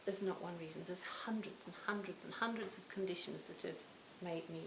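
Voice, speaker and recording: A woman in her sixties giving a reflective Buddhist talk to a retreat audience, her phrases often trailing off softly. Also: on the low side, fairly quick, vocal fry. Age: 60s. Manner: reflective, warm storytelling with soft trailing phrase ends. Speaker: Buddhist teacher. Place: retreat hall. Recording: roomy hall, faint hiss.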